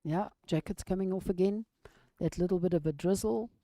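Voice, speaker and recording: A woman giving live lawn bowls commentary in a measured golf-style manner, describing each shot in short phrases. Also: lowish voice, dark tone, dry recording.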